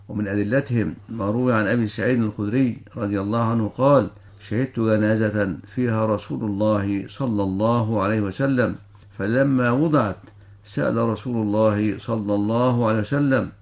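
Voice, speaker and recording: Gravelly older Egyptian man, formal scholarly Arabic. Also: fairly low pitch, a little mellow. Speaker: Islamic law scholar answering questions. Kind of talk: religious ruling with recited citations.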